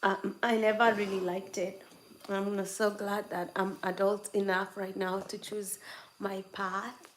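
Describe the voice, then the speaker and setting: With a mid-range voice, flat delivery, and measured pace, an adult woman past twenty-six hosts a casual livestream from home. She chats, teases viewers, and laughs frequently. The room sounds echoey, with faint noise in the background.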